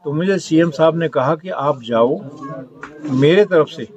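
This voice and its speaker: A middle-aged man addresses villagers in an earnest, repetitive, self-assured campaign speech, his voice sitting a little high for a man. He speaks in a village courtyard with a crowd of listeners audible around him. The recording is dull and lo-fi. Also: a little slow.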